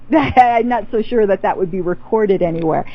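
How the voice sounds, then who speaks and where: A woman with a mid-range voice speaks at a moderate pace as a podcast guest, and the audio is lo-fi. She works through theology thoughtfully in a casual interview, often restarting sentences and using fillers.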